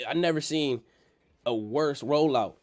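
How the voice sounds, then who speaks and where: A man's voice: fairly high pitch, unhurried. Congested, nasal-sounding man livestreaming. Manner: slangy, repeats phrases for emphasis. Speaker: livestream host. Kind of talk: casual livestream stock market commentary.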